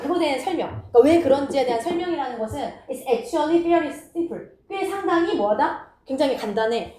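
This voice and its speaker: A woman teacher lectures her class in a high voice with a mellow, soft-edged tone. She reads English lines slowly, then explains them quickly, stopping often to check that her students follow. Her voice carries the echo of a classroom. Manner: checks in often with rhetorical tag questions.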